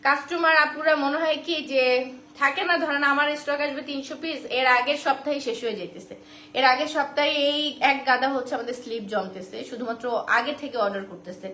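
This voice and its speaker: Woman, online shop seller, high voice, chatty live-stream pitch that keeps repeating the offers, echoey room. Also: quick pace, pushed and bright. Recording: roomy echo, faint background noise.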